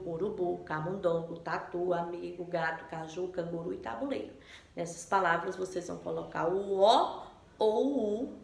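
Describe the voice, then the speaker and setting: A woman teacher from Brazil explaining a textbook lesson to children slowly and patiently, often asking them questions. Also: on the low side, gravelly, roomy sound, a little hiss or hum. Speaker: primary school teacher. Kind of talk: remote class lesson explanation.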